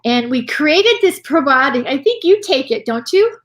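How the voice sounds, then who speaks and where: Woman, middle-aged, fairly high voice, animated, conversational guest. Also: moderate pace. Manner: animated, tags lines with "right?" and "you know". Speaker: guest business owner. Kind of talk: casual interview chat.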